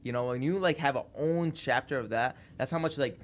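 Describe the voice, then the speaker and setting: A man's voice: mid-range voice, fairly quick. A man talking earnestly in a casual podcast chat, often throwing in rhetorical questions. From United States. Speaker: podcast guest.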